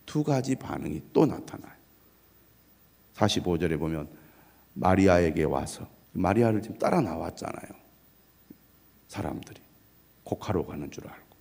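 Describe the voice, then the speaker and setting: A middle-aged man, a pastor, preaching an early morning sermon in a measured way and reading scripture aloud. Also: sits low, expressive, gravelly, darkish tone, slightly rough.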